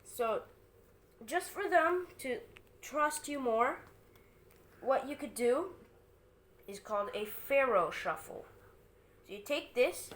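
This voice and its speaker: A woman's voice: high voice, expressive, takes it slowly, pauses often, fairly bright tone. A woman giving informal card magician patter, talking through each move step by step as she demonstrates and teaches a trick. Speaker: amateur card magician presenting a trick and tutorial.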